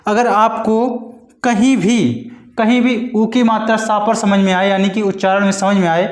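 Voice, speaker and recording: A man with a high voice teaches an exam-prep grammar lesson. He explains slowly, repeats each point and checks in with the class often. The sound carries a roomy echo. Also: little pitch movement. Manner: slow, repetitive explaining, with frequent "ठीक है" check-ins. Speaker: Hindi teacher.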